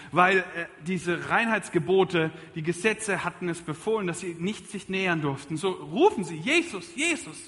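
A man preaching a sermon in church, emphatic and lively, moving between loud calls and quiet appeals. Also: high-pitched, long reverb tail. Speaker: pastor. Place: church service.

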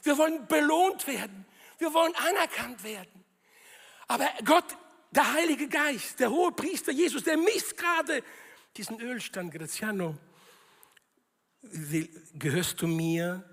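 A man preaching a sermon to a congregation. He swings between loud emphatic calls and hushed, low, prayerful passages, and asks the listeners to repeat after him. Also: lively intonation, moderate pace, vocal fry. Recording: long hall reverb.

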